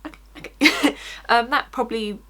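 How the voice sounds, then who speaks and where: A woman's voice: fairly high pitch, normal speed, pushed and bright. A woman with an Essex accent talking informally through a casual makeup tutorial as a beauty vlogger, often saying "like". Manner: informal, chatty, frequent "like".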